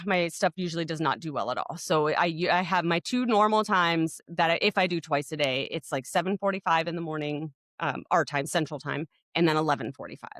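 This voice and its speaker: A woman's voice: on the low side, a bit bright, no room sound, studio quality. A woman, co-hosting a podcast, telling a story in a rambling way full of restarts and fillers. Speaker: podcast co-host. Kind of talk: casual podcast chat.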